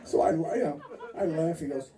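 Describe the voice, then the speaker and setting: A man's voice: fairly high pitch, a little fast, echoey room. A man in his fifties doing a rambling, profane stand-up routine on a comedy club stage, cutting off hecklers as he goes. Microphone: handheld stage mic. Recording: distant mic, loud crowd laughter.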